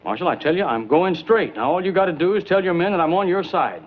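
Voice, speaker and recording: A sly high-voiced western outlaw. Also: male voice, animated, fast. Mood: wheedling, sly. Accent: American. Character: sly outlaw claiming to go straight. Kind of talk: old western film acting. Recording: dull lo-fi old film soundtrack.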